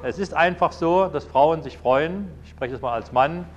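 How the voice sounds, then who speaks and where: A man's voice: a little high, normal speed, lo-fi sound. A man giving a sermon, telling anecdotes and acting out little dialogues in changing voices. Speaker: preacher.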